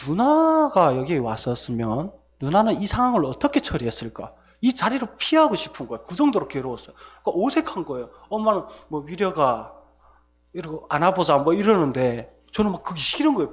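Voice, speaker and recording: A young man with a North Korean Hamgyong accent, telling his personal story as a guest speaker in a church service, earnest and full of fillers and self-corrections. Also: high voice.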